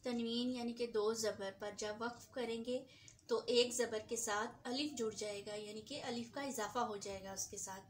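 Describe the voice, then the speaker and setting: A woman's voice: fairly high pitch, steady tone, slight background noise. Woman teacher with a sore throat. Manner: patient, repeats points, slows down for drawn-out example words. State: sore throat, clearing it often. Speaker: Quran recitation teacher. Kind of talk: tajweed lesson.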